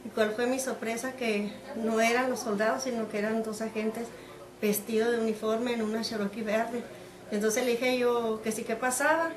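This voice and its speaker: This is a middle-aged woman from Mexico, recounting events in a lively way and slipping into the voices of the people she quotes. Her voice sits a bit high, and the recording has a noticeable room echo. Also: moderate pace, crowd noise. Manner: animated storytelling, acting out quoted dialogue. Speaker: interviewee, mother of the detained woman. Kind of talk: emotional personal account. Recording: echoey room.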